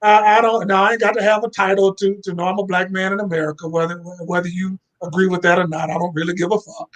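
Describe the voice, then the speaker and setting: A man's voice: high voice, level tone, fast, fairly bright tone. Blunt, emphatic man on a video call. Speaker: panel guest. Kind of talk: casual talk on a live video call.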